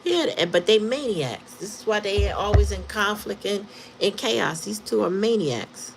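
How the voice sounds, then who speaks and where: A woman's voice: medium pitch, lively intonation, a little slow, vocal fry, over music, low-quality recording. A woman giving a casual tarot reading, telling stories in slangy talk and laughing often. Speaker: tarot reader.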